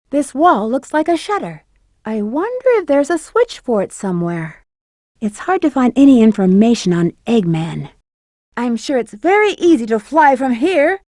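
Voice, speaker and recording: A sassy, flirtatious female bat treasure hunter for a video game. Her high voice swings animatedly up and down with teasing confidence. The sound is close and dry. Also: a little mellow, no room sound. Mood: curious, cautious.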